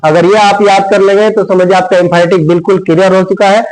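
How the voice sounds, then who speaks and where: A man's voice: high voice, flat delivery, a little mellow, low-quality recording. A man with an Indian accent teaching English grammar to students. He recites a teaching rhyme line by line and dictates it word by word. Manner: slow, drawn-out dictation of lines, word by word.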